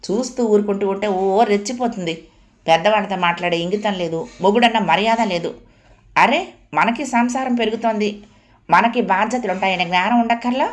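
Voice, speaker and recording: A woman doing a harsh, shouting young husband. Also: medium pitch, reverberant, lightly acted.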